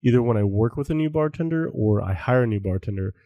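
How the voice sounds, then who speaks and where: A man's voice: medium pitch, fast, no room sound, highs cut off. Easygoing man co-host, dry close mic. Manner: relaxed, agreeable, laughs easily. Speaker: podcast co-host. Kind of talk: casual chat.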